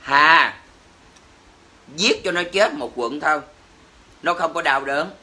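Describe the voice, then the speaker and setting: A man's voice: a little high, slow, bright, forceful tone. A man with a Southern Vietnamese accent, ranting indignantly to his livestream viewers, cursing and exclaiming as he talks. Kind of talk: heated livestream rant.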